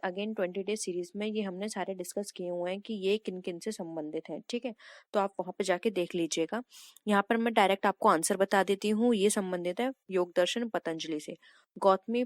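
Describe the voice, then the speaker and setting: A woman's voice: medium pitch, dry recording, studio quality. A woman teaching an exam prep lesson, walking step by step through multiple-choice answers and addressing viewers as friends.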